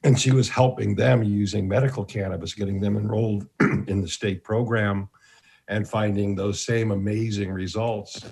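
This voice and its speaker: A man hosting a talk show, giving background in a measured, explanatory way. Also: lowish voice, steady tone, gravelly, darkish tone, slightly rough.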